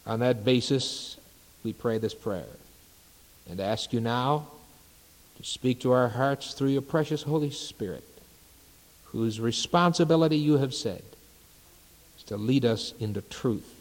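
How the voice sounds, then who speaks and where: A male pastor preaching and praying in a church sanctuary, measured and unhurried, with reverent pauses. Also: mid-range voice. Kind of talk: sermon. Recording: long reverb of a large sanctuary.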